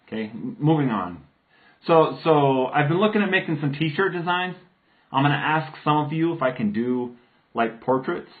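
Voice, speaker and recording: Man, casual vlogger, rambling jokey chatter, slightly high voice, thin phone-like audio. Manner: loud, joking, rambling with restarts; ranting. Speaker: vlogger live-streaming to viewers. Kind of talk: casual live-stream chat. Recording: tinny phone-like sound.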